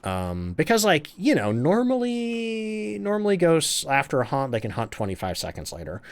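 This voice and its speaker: Brief: male streamer, higher voice, very animated delivery, chatty live game commentary. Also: moderate pace. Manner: chatty, animated, laughs often. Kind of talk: live gameplay commentary, reading chat.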